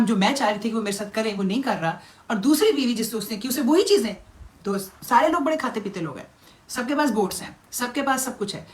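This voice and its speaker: A middle-aged woman with a Pakistani Urdu accent, telling stories as a vlog host in a casual monologue and slipping English phrases into her talk. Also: mid-range voice.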